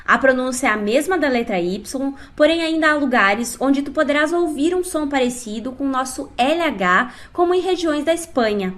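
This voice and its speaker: A woman teaching a scripted online language lesson, explaining clearly and speaking directly to the learner. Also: sits high. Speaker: Spanish teacher.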